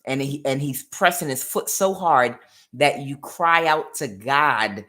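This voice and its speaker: Very low-voiced woman reading tarot. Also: expressive, measured pace, a bit bright. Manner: rambling, many "uh" fillers, acts out quoted voices. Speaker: tarot reader. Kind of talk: spiritual tarot reading monologue.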